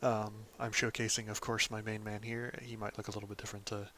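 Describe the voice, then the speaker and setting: Male host for a casual game walkthrough, lower voice with a bright, forceful edge, relaxed filler-heavy delivery, faint background ambience. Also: fast, slight background noise. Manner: relaxed, lots of ums and "of course". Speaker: gaming channel host.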